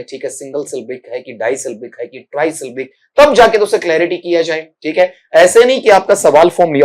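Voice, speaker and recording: Brief: middle-aged male tutor, somewhat high voice, lectures plainly with a scolding edge. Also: darkish tone. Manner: addresses students as beta, repeats "thik hai" often; corrects pronunciations by saying sounds slowly one by one. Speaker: English teacher. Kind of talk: exam-prep lecture.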